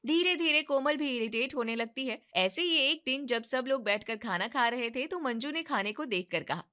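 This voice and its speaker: A woman narrating a family story in an even, scripted storytelling manner. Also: high-pitched, moderate pace.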